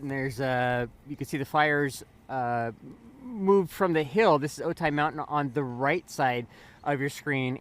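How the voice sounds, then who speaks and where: Guy reporting live from a fire at night, easygoing, describing what he's filming, voice on the higher side. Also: a bit bright, slight background noise. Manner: casual, describing scene while filming. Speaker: news tracker reporter. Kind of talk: live breaking news report. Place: outdoors near a wildfire at night.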